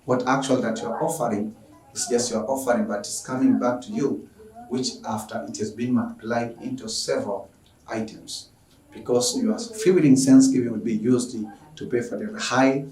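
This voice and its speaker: A man's voice: medium pitch, a little mellow. A man from Tanzania, a math teacher, earnestly closing an online lesson and asking viewers for donations. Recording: echoey room, noisy from far off.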